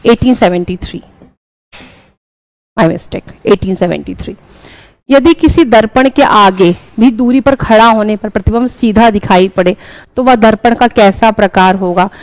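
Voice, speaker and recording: A woman's voice: on the high side, no echo, rough recording. A young woman teaching an exam-prep class, explaining each answer step by step and often checking in with her listeners. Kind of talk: exam-prep lesson, solving questions.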